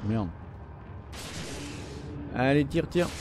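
A man's voice: mid-range voice, lively intonation, very slow, darkish tone, slight background noise. A young man giving let's play commentary, swearing and taunting the enemies as he plays. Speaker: gaming video host. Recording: faint game gunfire underneath.

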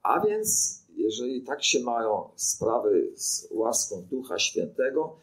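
An older man, a priest, delivers an informal teaching talk into a handheld mic, sharing anecdotes and posing rhetorical questions to his audience. His mid-range voice is sing-song and slow-paced, though the audio quality is poor. He is in a small studio in front of a brick wall.

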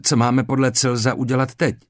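A man's voice: mid-range voice, flat delivery, no echo, lightly acted. A male narrator voicing a young Roman officer in an audiobook, giving short, hesitant replies. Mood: uneasy. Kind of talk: audiobook character reading.

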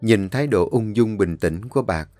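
A man narrating a story, reading in a steady, measured way. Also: on the low side, dry recording, soft background music.

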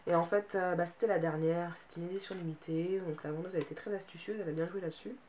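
A young adult beauty vlogger chats casually about a haul from her bedroom, sounding a bit tired and like she has a cold. Her lowish, darkish voice stays steady and moves at a quick pace, with faint background noise in the recording.

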